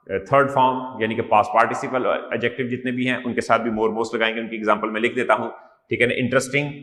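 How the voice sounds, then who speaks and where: A man's voice: medium pitch, fairly bright tone. Man teaching grammar in an echoey room. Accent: Pakistani English. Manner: explains in Hindi-Urdu, drills English word forms slowly. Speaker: English teacher. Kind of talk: grammar lecture. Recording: echoey room with long reverb.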